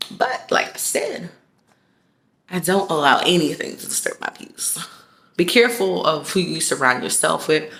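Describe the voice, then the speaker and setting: A woman's voice: low-pitched, a bit bright, roomy sound. A woman vlogger delivering a casual motivational rant, emphatic and slangy, repeating her phrases for effect.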